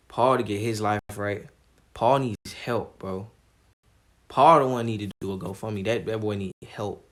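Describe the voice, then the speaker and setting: A man on a livestream talks in a calm, laid-back way, never raising his voice. His speech is slangy and casual, and his voice sits somewhat low. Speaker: streamer.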